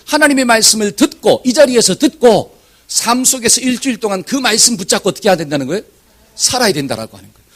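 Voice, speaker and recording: A man preaches a Sunday sermon in a high, lively voice that swoops across a wide range. His tone is slightly husky and breathy. He keeps asking his congregation questions and breaks into shouted examples. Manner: asks the congregation questions and leads scripture reading. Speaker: pastor. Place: church sanctuary.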